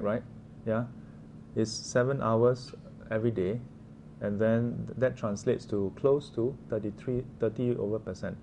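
A man with a Singaporean or Malaysian accent gives a casual, interactive lesson, talking conversationally and frequently posing short questions with local particles. His voice is medium-pitched and a little mellow. The room ambience is clearly noisy.

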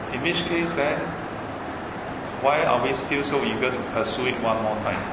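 A man with a Singaporean accent and Singlish phrasing gives an informal Buddhist lecture, speaking haltingly and repeating phrases for emphasis. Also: mid-range voice. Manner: Singlish phrasing with frequent yeah and you know tags. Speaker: Buddhist teacher. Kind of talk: informal religious lecture to a class. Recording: echoey hall, loud background noise.

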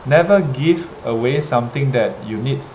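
A livestream host with a Singaporean accent and a medium-pitched, darkish voice casually tells his viewers a story, addressing them as a teacher would his students. He hesitates a lot, pausing and repeating phrases. Ambient noise and rain make the recording clearly noisy.

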